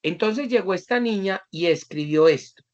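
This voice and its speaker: Profesor colombiano con audio apagado. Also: male voice, high voice, lively intonation, moderate pace, a little mellow, muffled recording. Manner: patient, acts out students in anecdotes. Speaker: teacher. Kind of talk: online class, explaining to students.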